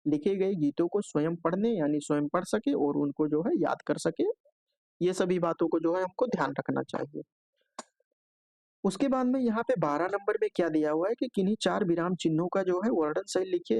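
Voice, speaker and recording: Gravelly, higher-voiced man teaching exam prep. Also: a little mellow, no echo. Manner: explanatory, repeats filler "jo hai" often; checks in with "theek hai" between points.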